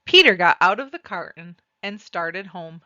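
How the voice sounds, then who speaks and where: A woman reading a children's storybook aloud and describing its pictures, with deliberate, expressive phrasing. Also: fairly low pitch, no echo, lo-fi sound. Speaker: read-aloud narrator.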